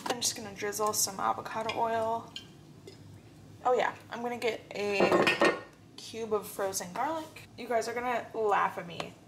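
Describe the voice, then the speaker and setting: A woman in her twenties, a lifestyle vlogger, chats casually at home in her kitchen and bathroom, rambling with plenty of "like" and "um." Her voice is a little high at normal speed, recorded on an on-camera mic with background noise.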